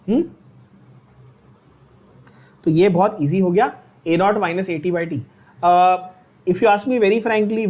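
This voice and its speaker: Male Indian teacher, unhurried, playfully scolding lecture delivery. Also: high-pitched, a little mellow. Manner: teasing, scolds students playfully; slow, drawn-out explanations with frequent checks. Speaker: chemistry teacher. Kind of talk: classroom lecture in Hindi-English mix.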